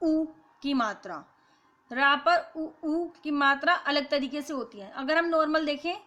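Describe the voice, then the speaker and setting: A woman teacher giving a grammar lesson to children, explaining slowly and sounding out letters one by one. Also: high voice, animated, a bit bright, muffled recording. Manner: slow, deliberate explanation, spelling out sounds one by one. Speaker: school teacher.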